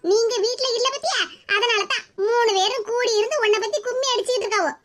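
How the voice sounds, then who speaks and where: A woman's voice: very high-pitched, fast. A woman voicing a scheming young sister-in-law who tattles and stirs trouble. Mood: taunting. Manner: mocking, tattling.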